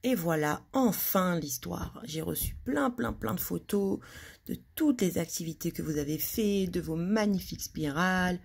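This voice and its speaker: A kindergarten teacher reading a storybook aloud to children, animated and dropping to hushed asides. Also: female voice, lowish voice, measured pace, vocal fry, husky.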